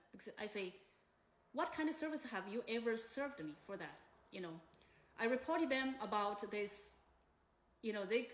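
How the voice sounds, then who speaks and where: A woman from China tells her story in English, her Chinese accent plain and her grammar loose. Her voice sits fairly high and she sounds agitated and indignant throughout. The room around her gives a noticeable echo. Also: a bit bright. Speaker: complainant telling her story. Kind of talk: emotional personal account.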